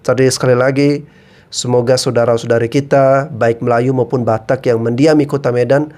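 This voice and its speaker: Man, from Flores, earnest vlog commentary, middle pitch, calls viewers guys. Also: steady tone, normal speed, darkish tone. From Flores, East Nusa Tenggara, Indonesia. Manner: earnest, appealing for unity, addresses viewers as guys. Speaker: content creator. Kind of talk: commentary to camera.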